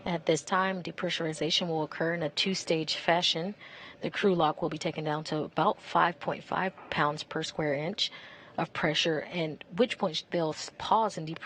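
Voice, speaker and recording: A woman giving measured, informative live commentary as a public affairs announcer for a spacewalk. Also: low voice, fairly even intonation, fairly bright tone, a little hiss or hum.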